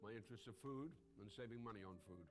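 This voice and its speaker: Brief: male actor flat, dry roommate character, ad comedy, terse delivery. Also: lowish voice, fast, lightly acted. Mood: deadpan. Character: deadpan, thrifty young male roommate in an ad.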